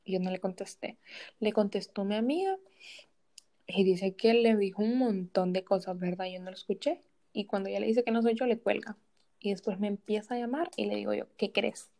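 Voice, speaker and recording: A woman's voice: mid-range voice, brisk, creaky. Young woman telling a breakup story. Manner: animated, retells conversations, frequent "o sea". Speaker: guest. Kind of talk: casual personal storytelling.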